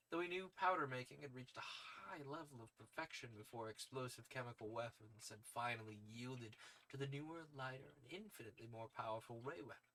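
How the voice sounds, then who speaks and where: A man's voice: medium pitch, bright, forceful tone, low-quality recording. A man reading a story aloud on a stream, moving between narration and casual asides.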